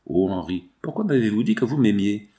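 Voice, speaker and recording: A man's voice: fairly low pitch, animated, fairly quick, warm tone, lightly acted. A man reading the lines of an innocent young girl who pleads passionately with her beloved in an audiobook. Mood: pleading. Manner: pleading, emotional.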